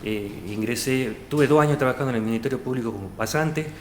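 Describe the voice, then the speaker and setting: A job candidate in his thirties from Salta province, Argentina, speaks Argentine Spanish with a Salta accent in a fast, mid-range voice. Facing a formal interview panel, he hesitates often, filling gaps and restarting sentences, in an echoey room with faint noise.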